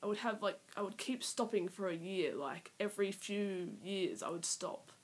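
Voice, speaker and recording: Recorded on an iPad's built-in mic, the low-quality audio captures a nineteen-year-old Australian vlogger with a slightly rough, mid-range voice at a moderate pace. Nervous in her first personal vlog, she rambles to the camera, filling gaps with fillers and sometimes drifting into a near-whisper.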